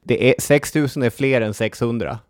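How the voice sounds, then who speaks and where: Male podcast co-host, casual history chat, wry asides, mid-pitched voice, dry close recording. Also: dry recording. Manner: conversational, dry jokes and quoted passages.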